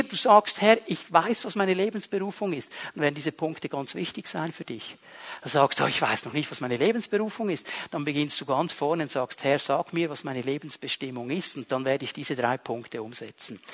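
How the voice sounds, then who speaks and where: High-voiced pastor preaching emphatically. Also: male voice. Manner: emphatic, repetitive preaching with swings from loud to soft. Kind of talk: sermon.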